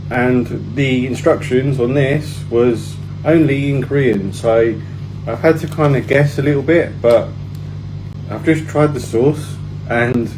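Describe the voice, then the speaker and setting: A man talking casually as a food challenge vlogger, in halting phrases with pauses as he tastes spicy noodles. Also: medium pitch, background noise. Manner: halting, pausing between phrases while eating spicy noodles. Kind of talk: casual vlog chat while tasting food.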